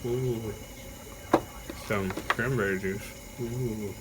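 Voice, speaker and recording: A man chatting casually to camera in a halting, low-key way, his mouth numb, dry and stiff after jaw surgery. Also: steady tone. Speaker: vlogger, patient recovering from jaw surgery. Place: hospital room. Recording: clear background noise throughout.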